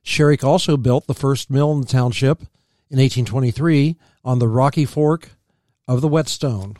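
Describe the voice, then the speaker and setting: A man, reading local history aloud as a podcast co-host, steady and plain with small slips. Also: mid-range voice, moderate pace, no echo, clean studio sound.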